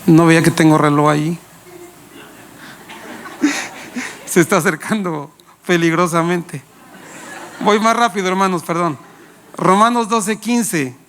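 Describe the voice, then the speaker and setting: A man's voice: sits high, slow, long pauses, fairly bright tone, slight background noise. A male pastor, preaching a sermon with playful anecdotes and questions to the congregation. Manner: playful, laughs while telling anecdotes.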